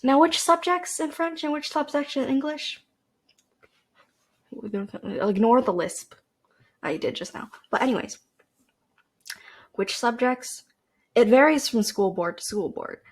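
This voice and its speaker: A woman's voice: a little high, expressive, a little slow, long pauses, slightly rough. A young woman from Canada, hosting a podcast and rambling casually into a desk microphone, chatty and self-deprecating, with fillers and restarts. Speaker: podcast host. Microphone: desk microphone with a cord.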